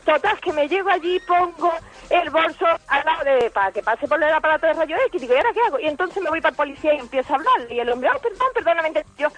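A woman's voice: high voice, lively intonation, fast, a bit bright, rough recording. A woman, telling a story as a caller on a radio show and acting out the voices of the people in it. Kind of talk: phone-in anecdote on a radio show.

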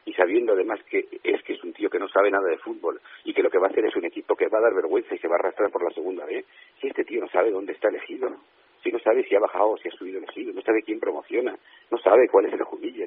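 A man's voice: low-pitched, racing, breathy edge. A man with a Spanish accent from Spain, a radio guest speaking on the phone, indignant and emphatic, often repeating himself. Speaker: interview guest. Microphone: telephone. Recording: tinny phone line.

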